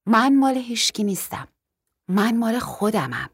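A woman voicing a breezy, carefree young woman with a high, chirpy manner. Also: big pitch swings, husky, no room sound, clean studio sound, full character voice. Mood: defiant.

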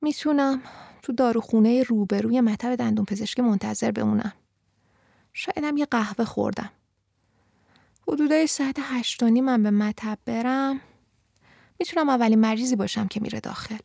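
A woman reading a storybook, voicing a tired, polite young woman in a soft, slightly raised and breathy voice. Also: on the high side, no echo, clean studio sound.

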